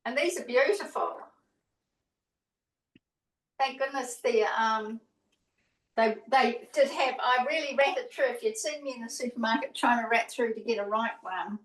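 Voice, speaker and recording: This woman's voice is a little high and a little slow, with long pauses between thoughts. She rambles chattily through a casual cooking demo on a video call, fixing her own mistakes along the way, and the distant mic gives a roomy sound.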